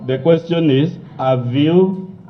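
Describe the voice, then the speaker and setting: A man, a lawyer cross-examining a witness with forceful, combative questions. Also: fairly high pitch, slow pace. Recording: muffled lo-fi broadcast audio.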